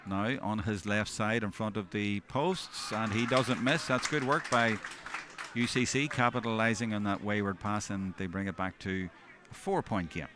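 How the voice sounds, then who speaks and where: A man giving live hurling commentary, describing play in measured running observations. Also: on the low side, fairly even intonation. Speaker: sports commentator. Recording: outdoor stand, loud crowd noise behind. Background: crowd noise at outdoor match.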